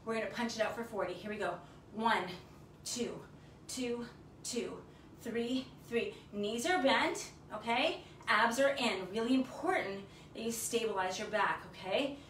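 A woman's voice: fairly high pitch, measured pace, fairly bright tone. A woman working as an aerobics instructor, counting reps in rhythm and cueing moves with short, encouraging commands. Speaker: fitness instructor leading a workout. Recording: roomy, distant mic with faint noise.

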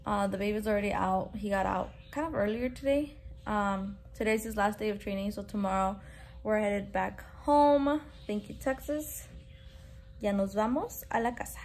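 A woman's voice: medium pitch, normal speed, a little mellow, a little hiss or hum. A young woman vlogging on her phone, chatting casually, switching between English and Spanish, laughing often and filling her talk with "like". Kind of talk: casual vlog talk to camera. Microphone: phone held at arm's length.

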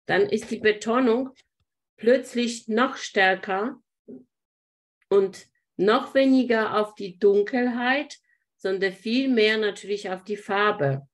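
A woman's voice: mid-range voice, unhurried. A woman hosting a live online art lesson, explaining picture composition while pointing things out to her viewers. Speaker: art teacher hosting a webinar.

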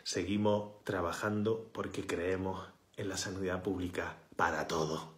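A man's voice: low voice, flat delivery, measured pace. Fiery man ranting at his phone. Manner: fiery, emphatic, drops to whispers for stress. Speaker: healthcare worker and activist. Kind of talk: impassioned direct-to-camera protest appeal. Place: small indoor room, bright window behind. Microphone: phone camera at arm's length. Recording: echoey room.

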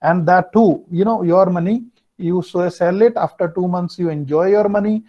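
Speaking at a moderate pace in a high voice, this middle-aged man is a finance teacher whose first language is Hindi and whose accent is North Indian. He lectures online, mixing two languages while explaining and checking on his students. His computer mic on the video call gives dull, lo-fi sound.

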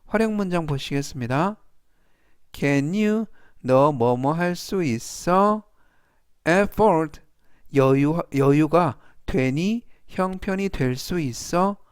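A man teaching English vocabulary in a slow, deliberate lesson, repeating each word three times and explaining it carefully. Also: a little high, expressive, no room sound, studio quality. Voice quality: smooth, clear voice.

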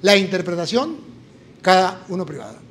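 Animated Latin American priest telling a story. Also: male voice, high voice, moderate pace, slight background noise. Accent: Latin American Spanish. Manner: animated, acts out dialogue in story. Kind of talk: sermon with storytelling.

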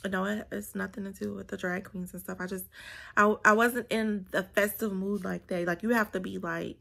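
This vlogger's gravelly morning voice sits at medium pitch, steady and a bit sharp in tone, moving at a normal speed. She's chatty and laughing, calling viewers "y'all" as she talks casually to a phone held close or propped at arm's length in her small bedroom at home.

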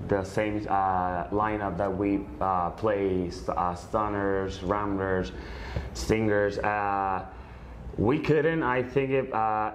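Halting low-voiced man at a press conference. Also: a little hiss or hum. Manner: halting, many fillers, searching for words. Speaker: volleyball player. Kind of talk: post-game press conference answers.

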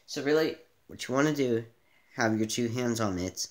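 A man giving a casual gameplay tutorial, relaxed and thinking aloud as he plays in a dim room, filmed by a camera pointed at the TV. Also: medium pitch, normal speed, roomy sound. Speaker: gaming channel host.

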